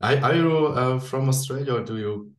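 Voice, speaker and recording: A man's voice: medium pitch, moderate pace. A man hosting a podcast interview, asking friendly questions in English with frequent hesitations and restarts. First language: German. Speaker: podcast host. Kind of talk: casual interview chat. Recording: echoey room.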